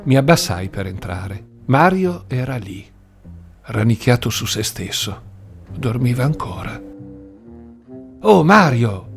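A man narrates a first-person story at an even, storytelling pace. His voice sits in an ordinary middle register. Gentle guitar music plays clearly underneath. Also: medium pitch, a little slow. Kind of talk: audiobook narration. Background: soft guitar music.

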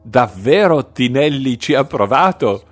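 A man reading an audiobook voices a drunk, swaying young man at a bar, talking slow, high and loud. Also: expressive, soft background music. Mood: drunk, rowdy.

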